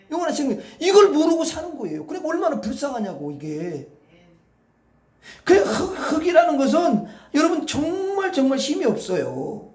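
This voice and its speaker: Male pastor, very high voice, folksy rambling sermon, echoey hall. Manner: animated, folksy, rambling, addresses congregation.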